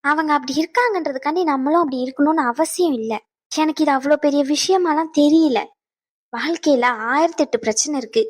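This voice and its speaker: An actress playing a patient married daughter who calmly pleads with her mother, in a serial drama. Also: sits high, fairly quick, lightly acted. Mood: soothing, pleading. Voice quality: soft, pleading, placating.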